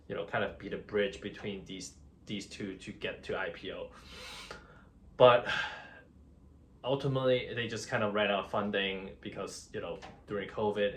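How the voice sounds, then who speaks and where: A man's voice: lowish voice, a bit bright, slight background noise. A man in his thirties from Hong Kong, introducing himself to camera in a casual, hesitant way with many fillers and restarts. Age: 30s. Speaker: vlogger.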